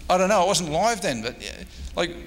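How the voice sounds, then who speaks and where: Sitting high and very animated, this man's voice moves at a fairly quick clip. He's a historian from Australia in his sixties giving a casual convention talk with audience questions, rambling hesitantly and making fun of himself. The setting is an echoey indoor meeting room with background noise.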